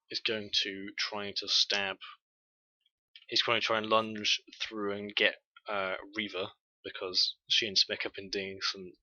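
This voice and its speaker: A man's voice: lowish voice, bright, forceful tone, no room sound, lo-fi sound. A man narrating a tabletop game as game master, hesitant and full of filler sounds.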